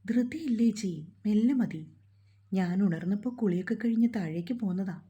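A woman voicing a quiet, troubled young woman who gives short, evasive answers. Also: mid-range voice, moderate pace, lo-fi sound, close to an everyday voice. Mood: subdued.

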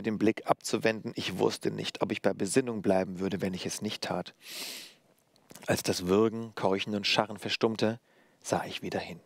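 A male author reading aloud from his novel in a measured, steady way, then explaining the story. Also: on the low side, vocal fry, no room sound, clean studio sound. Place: library reading.

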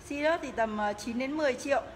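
A woman giving a live, promotional sales pitch as she walks through shop rooms, repeatedly urging viewers to get in touch. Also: quick pace. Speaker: motorbike shop livestream seller. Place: tiled indoor motorbike showroom rooms and stairwell. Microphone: handheld phone, held by the walking speaker. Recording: noisy phone audio in echoing hard-walled rooms.

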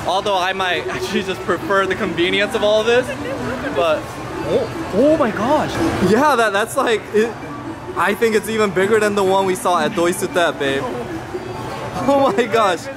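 A man in his thirties vlogging casually while walking through an indoor mall food market, filming at arm's length and talking excitedly with many fillers and restarts. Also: high voice, measured pace, music in the background, rough recording. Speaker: travel vlogger host. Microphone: handheld camera at arm's length.

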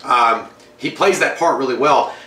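A man's voice: mid-range voice, a little slow, bright, forceful tone. A man in his thirties co-hosting a casual, sweary review at a table with a shared microphone. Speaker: movie and food review co-host. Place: room at home, indoors. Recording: roomy, distant microphone sound.

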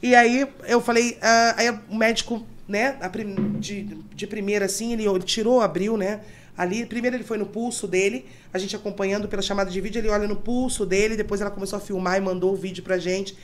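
A woman's voice: medium pitch, steady tone, brisk. A woman guest on a podcast, an embalming instructor telling work stories and explaining technical terms to listeners. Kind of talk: podcast storytelling.

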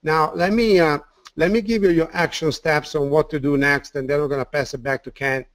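Italian accent guy doing a sales webinar, kinda high voice, dry close sound, lots of uh and repeats. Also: fairly even intonation, fairly quick, no echo. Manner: enthusiastic, repeats words, many fillers. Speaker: webinar presenter.

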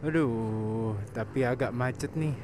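Out on an open road, a young man on his motorcycle gives relaxed riding commentary to the camera in a medium-pitched, slightly slow and mellow voice. He laughs a lot and talks about himself in the third person, while faint wind and traffic can be heard.

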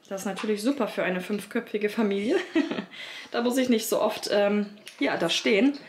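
Speaking to viewers in a casual vlog, a family vlogger with three kids talks from her child's bedroom and rooms around her home, phone held at arm's length. Her medium-pitched voice is a little hoarse, and her chatty delivery is full of fillers. Slight background noise can be heard.

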